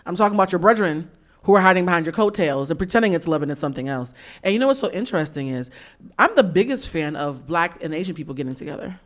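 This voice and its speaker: Fast-talking, blunt woman podcast host. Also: on the low side. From US East Coast. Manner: blunt, animated, acts out quotes. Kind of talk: candid podcast conversation.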